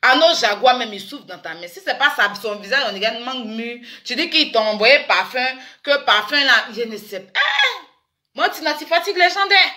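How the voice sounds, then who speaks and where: Bright-voiced woman teasing. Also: a little high, normal speed. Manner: teasing, animated, with sudden loud exclamations. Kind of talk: chatty commentary vlog. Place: in France.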